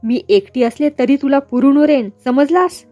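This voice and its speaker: A woman's voice: sits high, normal speed, dark tone, dry recording, faint music behind, close to an everyday voice. A woman voicing a furious young woman who sharply scolds the men in a story. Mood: angry. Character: furious young woman defending her honor.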